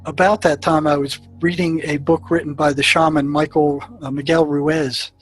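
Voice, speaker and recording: Recalling his years as a prison therapist, a man tells his story in a flat, slightly high voice at normal speed, often stumbling, repeating words and restarting sentences. Soft music plays faintly beneath this low-quality recording.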